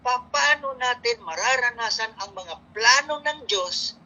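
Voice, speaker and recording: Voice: mid-range voice, animated, measured pace, bright, forceful tone, highs cut off. A speaker with a Filipino accent giving a morning devotion in a casual sermon style, reading scripture aloud and often asking "no?".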